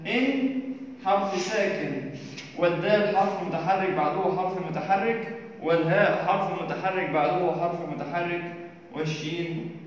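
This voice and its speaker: A man with a high voice teaches a children's lesson, reading each question slowly and then stating its answer. He sounds distant from the mic, and his voice rings in a very echoey, reverberant room. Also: fairly even intonation, muffled recording, a little hiss or hum. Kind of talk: school lesson, reading out textbook exercises. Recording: echoey hall from far off.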